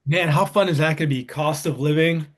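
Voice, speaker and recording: Man in his thirties, higher voice, casual podcast chat, rambling, enthusiastic. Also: fairly quick. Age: 30s. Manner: rambling, restarts often, enthusiastic. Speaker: podcast co-host.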